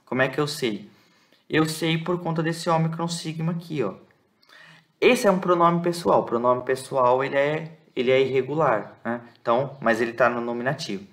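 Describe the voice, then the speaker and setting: A man teaching a lesson. He explains patiently, repeats words slowly and keeps checking that his listeners follow. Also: medium pitch, fairly bright tone. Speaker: Bible Greek teacher.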